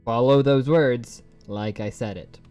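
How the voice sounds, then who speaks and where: A man with a mid-pitched voice plays through a story game. He comments casually and playfully, talking back to the characters and reading choices aloud, with faint music behind him. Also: a little slow, warm tone, smooth. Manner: playful, bantering with the game's characters.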